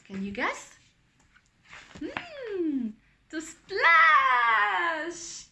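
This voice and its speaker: A woman reading a picture book aloud to young children, pausing to ask them questions. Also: a little high, vocal fry, a little hiss or hum. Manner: animated, with asides and questions to young listeners.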